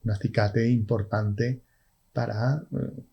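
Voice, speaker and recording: A middle-aged man, a podcast guest speaking slowly and haltingly with many restarts. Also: lowish voice, steady tone, vocal fry, slightly rough, dull audio. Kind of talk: casual conversation.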